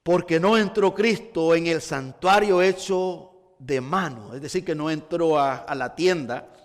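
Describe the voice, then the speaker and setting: A man's voice: a little high, a little slow, in a large hall. A man preaching a sermon as pastor, with rising emphasis and frequent repeated starts. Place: church hall.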